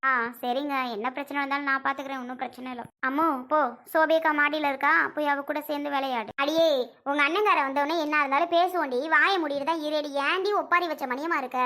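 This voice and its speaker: A woman's voice: sits high, fairly even intonation, fast, bright, forceful tone. A woman in a family drama skit, talking in a defensive, chatty way. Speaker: skit actress.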